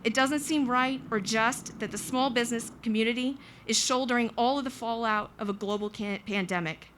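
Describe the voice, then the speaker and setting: A woman's voice: fairly high pitch, normal speed, a bit bright, slight background noise. A woman delivering a prepared protest speech at a rally, earnest and emphatic. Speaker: small business owner speaking at a rally. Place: outdoors in front of a government building.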